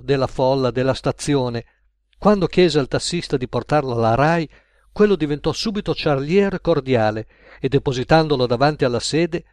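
A man narrating a comic tale in a measured, wry storytelling manner. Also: medium pitch, darkish tone, no echo, studio quality.

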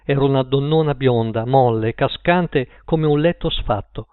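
A man narrating a story aloud in a measured storytelling manner. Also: mid-range voice, clear, resonant tone, no room sound. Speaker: audiobook narrator. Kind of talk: scripted narration. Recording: tinny phone-like line, dry.

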